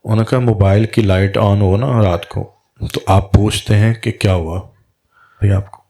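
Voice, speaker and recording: A man's voice: fairly low pitch, steady tone, dark tone. A man, a Sufi spiritual guide, telling a story in a religious talk and acting out the dialogue in quoted voices.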